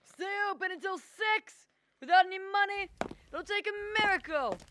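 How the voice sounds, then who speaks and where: A woman's voice: very high-pitched, normal speed, very noisy. A teenage girl acting a flustered, panicky uncle in an amateur radio drama, fretful and exclaiming. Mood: worried. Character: flustered, panicky older uncle working at a small loan firm.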